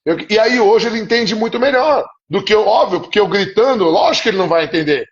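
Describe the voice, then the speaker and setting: A man's voice: high-pitched, lively intonation, quick pace. A man, a psychoanalyst guest, telling a personal story in an earnest, confessional way. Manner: earnest, confessional, often asks "entende?". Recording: muffled live-stream audio.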